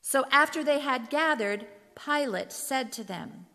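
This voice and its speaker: A woman narrating scripture from a script for reader's theater, in a measured, solemn manner. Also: high voice, animated, sharp tone. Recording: long hall reverb.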